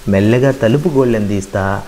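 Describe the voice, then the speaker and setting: A man voicing an elderly village grandmother who scolds roughly but comforts tenderly, in a rustic way of talking. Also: fairly low pitch, brisk, noisy background, lightly acted. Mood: soothing. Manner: rustic scolding, then soothing.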